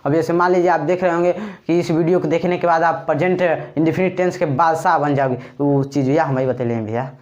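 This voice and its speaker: A man's voice: fairly high pitch, fairly even intonation, quick pace, hardly any pauses. A man teaching a casual grammar lesson in a chatty, joking way, with a Bhojpuri-tinged Hindi accent. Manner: chatty, joking, addresses viewers as brothers. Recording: slightly dull lo-fi recording.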